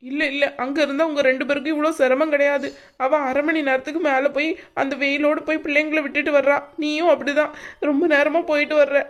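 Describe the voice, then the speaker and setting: A woman's voice: on the high side, steady tone, fast talker, lo-fi sound, close to an everyday voice. A woman voicing a fretful older mother. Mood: tearful. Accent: southern Tamil Nadu. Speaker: voice actor. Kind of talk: cartoon voice acting.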